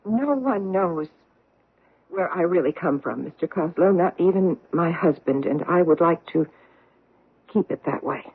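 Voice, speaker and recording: In a 1970s radio drama, an actress plays a guarded middle-aged American housewife who defensively evades questions to hide her past. Her fairly low voice is expressive, unhurried, slightly rough and heavily acted. It sounds like a tinny old radio broadcast.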